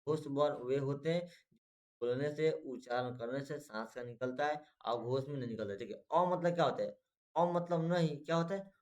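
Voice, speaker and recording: Male teacher of middle pitch for an exam-prep lesson; drills every point by repetition and questions. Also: moderate pace, a little mellow. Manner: repetitive, drills and quizzes students.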